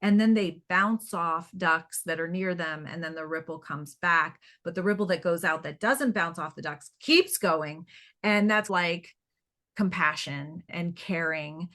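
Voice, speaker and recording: A woman's voice: on the low side, a little slow. A middle-aged woman, a nonprofit founder being interviewed, talking earnestly and acting out little scenes of dialogue. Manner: animated, acts out quoted dialogue. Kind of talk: conversational interview storytelling.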